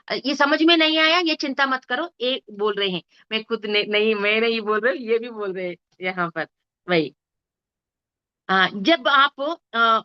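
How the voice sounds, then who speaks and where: Woman spiritual teacher, higher voice, slow and hesitant delivery. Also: sharp tone, clean tone, muffled recording. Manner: hesitant, restarts, corrects herself. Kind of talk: slow explanatory lesson.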